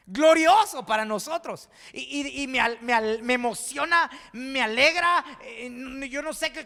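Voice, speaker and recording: A man's voice: very high voice, gravelly, pushed and bright. A man from Guatemala preaching a sermon as pastor, fervent, with repeated words and restarts, rising to exclaim. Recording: reverberant hall.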